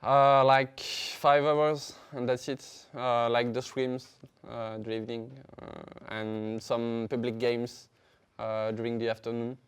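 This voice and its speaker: A man with a French accent gives halting, filler-laden answers in English, his second language. His voice is smooth and clear, at an ordinary pitch for a man. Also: little pitch movement. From France. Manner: halting, many fillers and restarts. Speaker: esports team captain guest. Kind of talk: casual interview answers.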